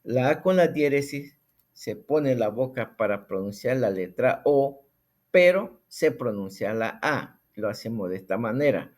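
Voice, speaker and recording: In a recorded language lesson, a man speaks slowly and deliberately, repeating sounds for the listener to practice. His voice is medium-pitched, expressive and darkish in tone.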